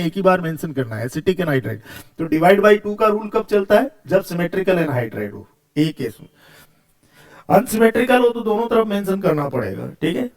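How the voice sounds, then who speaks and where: A man teaching chemistry, asking questions and answering them himself and repeating key words. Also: high-pitched. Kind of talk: video lecture.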